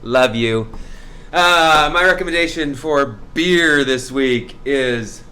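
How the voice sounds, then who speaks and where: A man's voice: medium pitch, slow pace, sharp tone. A young man hosting a casual brewery video, chatting in an upbeat way about specials and beer styles with playful sound effects. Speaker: brewery host. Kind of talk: casual promotional vlog chat.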